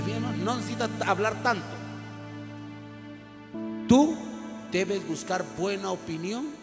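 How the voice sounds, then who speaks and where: A man preaching a sermon in a church service, who acts out little scenes in other voices and later prays loudly. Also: sits high. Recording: long hall reverb with music.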